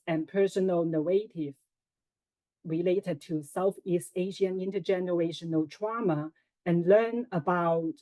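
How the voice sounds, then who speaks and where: Mellow-voiced woman moderating a webinar. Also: lowish voice, dry recording, poor audio. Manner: measured, formal delivery. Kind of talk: reading a prepared introduction.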